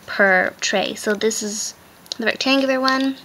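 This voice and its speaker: A woman with a slightly high, sharp-toned voice hosts a casual hands-on craft tutorial at a measured pace, talking through each step as she works. A face mask muffles her voice, and the recording has clear background noise and handling clicks.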